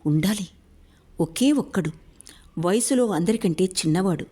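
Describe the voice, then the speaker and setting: A woman storyteller reading a literary short story aloud with expressive, dramatic narration. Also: fairly low pitch, measured pace, slightly rough.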